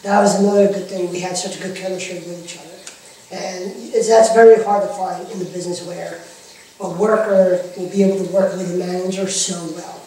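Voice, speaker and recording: A man's voice: high voice, little pitch movement, brisk, warm tone, slight background noise. A man who works as a pro wrestling manager, chatting casually and talkatively in an interview, repeating himself for emphasis. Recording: echoey room, far from the mic.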